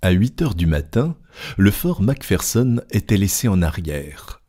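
A man narrating an audiobook in a steady, deliberate storytelling manner. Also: sits low. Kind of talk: scripted narration.

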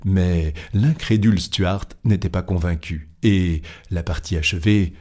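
A man reading a classic novel aloud in a deliberate, expressive way. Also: low-pitched. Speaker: audiobook reader. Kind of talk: literary audiobook narration.

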